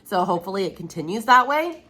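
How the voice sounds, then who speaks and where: A woman's voice: mid-range voice, sing-song, fast talker, sharp tone, husky. A woman chatting casually to a vlog camera, sick and run-down, sounding weary as if hungover. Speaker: book vlogger.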